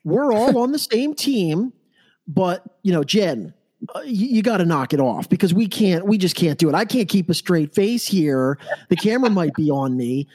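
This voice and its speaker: A man's voice: high-pitched, big pitch swings, moderate pace, a little mellow. A man hosting a political talk show, speaking sarcastically and mocking his targets. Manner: sarcastic, mocking, acts out imagined quotes. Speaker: host.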